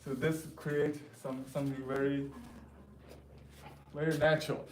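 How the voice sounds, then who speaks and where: A man who speaks natively gives an informal painting lesson. His delivery is slow and hesitant, with frequent searching for the right word. The room adds clear echo and he sounds a little distant from the microphone. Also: mid-range voice, flat delivery, a little hiss or hum. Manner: halting, hesitant, searching for words. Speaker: painting teacher. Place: classroom, indoors. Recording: roomy echo, voice off the mic.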